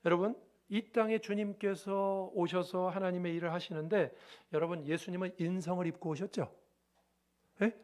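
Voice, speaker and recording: A male pastor preaching a sermon emphatically, often asking the congregation rhetorical questions. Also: high voice.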